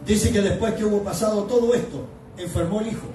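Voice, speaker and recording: A man preaching a fervent evangelical sermon, his voice pitched very high and often rising to a shout as he fires questions at the congregation. The sound is heavily echoey, as if heard from far back in a big church hall. A faint hum of background noise sits under it. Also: steady tone, fast. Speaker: pastor. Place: church sanctuary.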